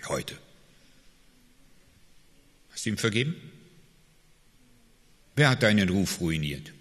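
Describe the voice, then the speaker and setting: Bright-voiced preacher in a hall. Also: male voice, lowish voice, very animated, slow pace. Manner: emphatic preaching with swings between loud calls and quiet confession. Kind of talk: sermon.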